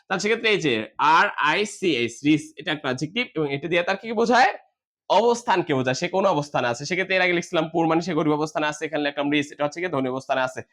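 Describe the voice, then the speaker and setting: Speaking rapid-fire and with animation, a male teacher covers grammar in class, spelling every word letter by letter. His voice is high, light, and a bit bright, and he poses questions to the class only to answer them himself.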